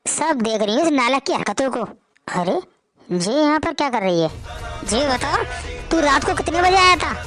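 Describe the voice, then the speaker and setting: A woman's voice: sits high, big pitch swings, normal speed, over music. A woman voicing a stern, reproachful older mother-in-law who keeps prying.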